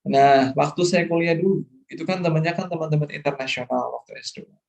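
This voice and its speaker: A man's voice: fairly high pitch, a little fast, vocal fry, a little mellow. A middle-aged male lecturer, explaining course material and often checking that students follow, mixing English terms into his talk. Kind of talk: online lecture.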